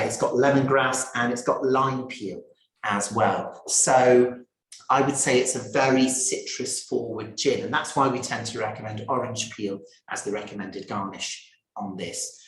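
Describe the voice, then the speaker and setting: Male host, casual tasting guide on a video call, relaxed chat, mid pitch, roomy sound. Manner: chatty and easygoing, addresses viewers by name. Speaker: gin brand ambassador hosting a tasting. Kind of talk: live online tasting talk.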